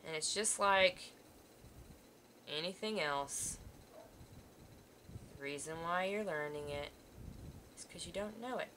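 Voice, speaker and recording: Working hands-on at a table beneath an overhead camera, an art teacher guides students through sewing a seam step by step. She speaks slowly with long pauses, her bright, slightly low voice staying patient and reassuring. Faint hiss runs underneath.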